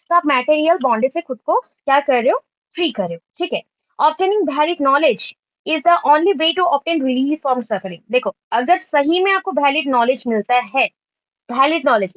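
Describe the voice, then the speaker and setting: A woman teaching an online class, explaining in mixed Hindi and English, repeating key terms and checking in with her students. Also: sits high. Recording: dull lo-fi audio.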